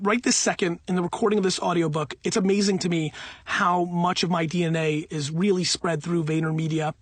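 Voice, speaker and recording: A middle-aged man with a high, slightly bright voice speaks off the cuff for his own audiobook, sounding emphatic, self-assured, blunt and conversational. He is an entrepreneur and company CEO, and the recording is dry.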